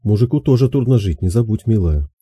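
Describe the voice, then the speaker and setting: A man's voice: fairly low pitch, animated, a little fast, mellow, breathy edge, no room sound, voice pushed up. A man voicing an older peasant woman who gives soothing, homely advice in an audiobook. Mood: advising. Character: older peasant woman, gentle, wise advisor. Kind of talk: audiobook character voice.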